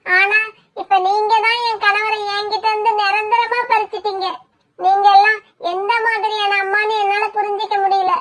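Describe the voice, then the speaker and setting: A woman voicing a gentle, devoted young bride myna bird in a cartoon, in a very high, thin voice with earnest pleading delivery. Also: moderate pace. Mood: grieving. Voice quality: very high, thin and flat-toned. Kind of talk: cartoon voice acting.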